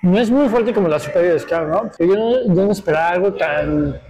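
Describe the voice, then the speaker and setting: A man with a Mexican accent runs a casual conversation, steering the talk with eager energy. His voice sits a little on the high side. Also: expressive, brisk, mellow, a little hiss or hum, poor audio. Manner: enthusiastic, leads the conversation. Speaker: host. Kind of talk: casual chat. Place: themed restaurant.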